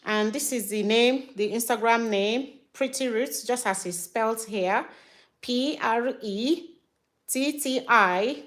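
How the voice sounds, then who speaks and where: Speaking slowly in a slightly high, somewhat bright voice, a Nigerian-accented mother in middle age chats to her viewers as she styles her daughter's hair at home. She's a hair care vlogger, and her casual tutorial talk is full of laughter.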